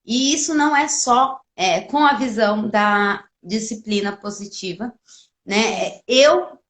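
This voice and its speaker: A woman, a pedagogue hosting the talk, calmly explaining parenting ideas. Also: on the high side, takes it slowly. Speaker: host, pedagogue. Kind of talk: educational talk. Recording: roomy echo.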